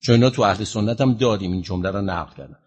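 A man preaching a sermon, telling a story slowly and with emphasis, and questioning the listeners directly. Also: husky. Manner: slow, emphatic retelling with rising pitch and loudness.

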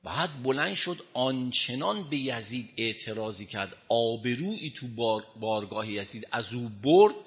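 Male preacher with a bright, forceful voice and emphatic, conversational storytelling. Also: medium pitch. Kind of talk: religious lecture with storytelling.

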